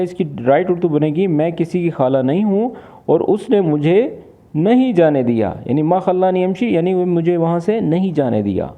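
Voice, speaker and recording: A man from Pakistan teaching, patiently explaining and translating spoken phrases. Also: a little high. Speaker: Arabic teacher. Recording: phone-like lo-fi voice.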